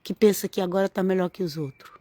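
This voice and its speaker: A woman's voice: fairly low pitch, fast talker, warm tone. A woman, giving an informal, earnest sermon-style talk to camera and repeating phrases for emphasis. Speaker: religious vlogger.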